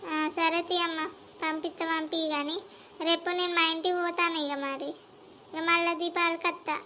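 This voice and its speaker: A woman's voice: very high voice, flat delivery, pushed and bright, a little hiss or hum. A woman with a Telangana accent playing a sly, meddling young married daughter in a village skit. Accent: Telangana Telugu. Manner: quick, teasing and meddling. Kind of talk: village comedy skit acting.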